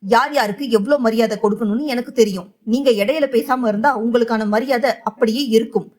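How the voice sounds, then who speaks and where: A woman voicing a fierce, outspoken young woman in an audio novel, giving sharp, defiant retorts. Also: on the high side, fairly quick, natural voice.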